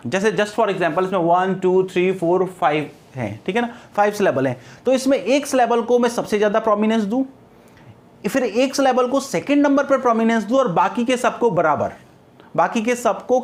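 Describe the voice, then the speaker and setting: A man's voice: high voice, lively intonation, normal speed. Male teacher, classroom lecture style; drills key terms and quizzes himself, mixing in English terms. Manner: repeats key terms, asks and answers his own questions; mixes English terms into Hindi explanation.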